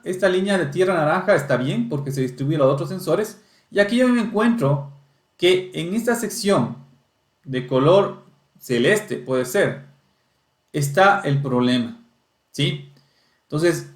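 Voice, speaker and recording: A man's voice: on the high side, reverberant. A man teaching automotive electronic diagnostics, explaining step by step and checking in with the class. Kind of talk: technical lesson walkthrough.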